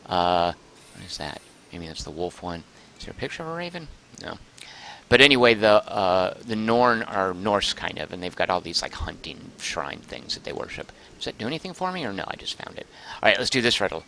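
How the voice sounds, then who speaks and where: A man streaming a game live, chatting excitedly, thinking aloud and reading chat messages aloud, close to his microphone. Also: deep voice, fairly quick, vocal fry, a little hiss or hum. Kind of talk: live gameplay commentary.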